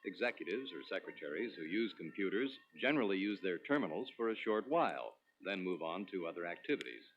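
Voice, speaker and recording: A man presenting a product demonstration in a scripted, instructional promotional narration with clearly structured delivery. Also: sits low, sing-song, fast talker, faint music behind. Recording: dull lo-fi 1980s demo recording.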